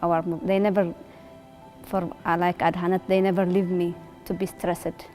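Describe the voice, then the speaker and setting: A woman speaks earnestly in a documentary interview, using simple, direct phrasing. Her voice is low-pitched and warm. Faint music runs beneath her. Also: little pitch movement, normal speed. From Eritrea. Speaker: resettled refugee.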